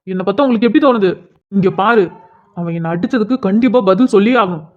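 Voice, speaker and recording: A woman's voice: mid-range voice, fast talker, close to an everyday voice. A woman voicing an angry, bruised older schoolboy in a cartoon, who hurls accusations and harsh threats. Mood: threatening. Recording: dull lo-fi audio.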